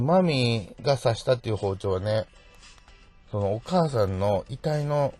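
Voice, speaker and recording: A man's voice: lowish voice, darkish tone, breathy edge. A man hosting a solo true-crime talk, chatty, tagging his sentences with little asides. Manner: chatty, peppers sentences with "ne" tags and wry asides. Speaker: podcast host.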